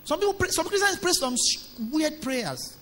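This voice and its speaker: A man preaching a sermon, telling stories and scolding in an animated way. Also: extremely high pitch, moderate pace. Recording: reverberant hall with faint hum.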